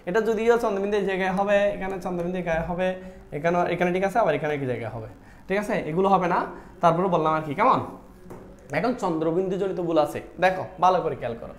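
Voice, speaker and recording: Quick and high-pitched, this male tutor runs a live online Bangla admission-test class on spelling questions, his voice echoing in the room. He speaks straight to the students, repeatedly quizzes them, says "dekho" often, and supplies answers to his own questions.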